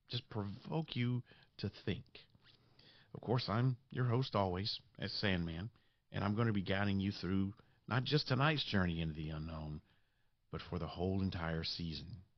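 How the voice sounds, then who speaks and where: A man hosting a podcast in monologue, with a raspy voice congested by sinus trouble and dramatic, deliberate phrasing. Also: deep voice, no room sound, highs cut off. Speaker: podcast host.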